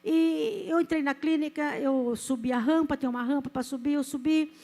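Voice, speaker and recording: A Brazilian woman in her fifties, speaking with a Brazilian Portuguese accent, is preaching in church as a pastor, sharing a personal testimony in an earnest, emotional sermon. Her voice is high-pitched and warm, with a steady tone at a normal speed.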